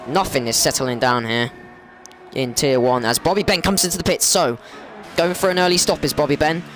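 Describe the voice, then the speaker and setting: Excitable man commentating a sim race. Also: a little fast. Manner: excitable, rambling, self-correcting, gets loud and high during crashes. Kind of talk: online sim racing commentary.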